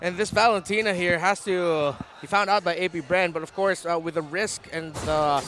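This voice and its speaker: A man working as an esports caster, giving excited, emphatic live commentary on a game. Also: high voice, normal speed, background noise.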